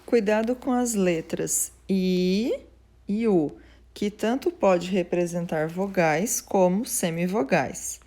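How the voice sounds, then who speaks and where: A woman teacher explaining a lesson patiently, often checking in with her students and slowly drawing out example words. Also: on the low side, dark tone.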